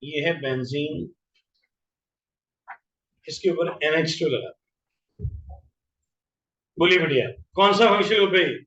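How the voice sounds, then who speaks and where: A man teaching chemistry in a classroom, quizzing students by name and slowly repeating each compound name. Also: fairly high pitch, animated, fairly bright tone. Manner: questions students by name, drills terms slowly. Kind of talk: classroom lecture. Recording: roomy, distant, dull lo-fi classroom audio.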